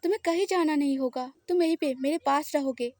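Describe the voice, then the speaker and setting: In a high-pitched, fairly quick, natural voice recorded in a studio with no echo, a woman plays a possessive, protective lover who firmly soothes her frightened partner. She sounds firm and reassuring, a little louder than usual.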